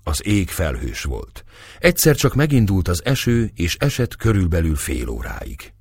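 A man narrating a historical novel as an audiobook, expressive and dramatic. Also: low-pitched, husky, no echo.

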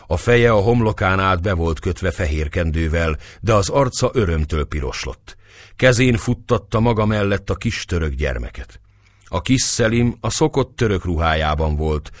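Male audiobook narrator, very low voice with lively, animated pitch, expressive storytelling, dry close sound. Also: no room sound. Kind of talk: literary audiobook reading.

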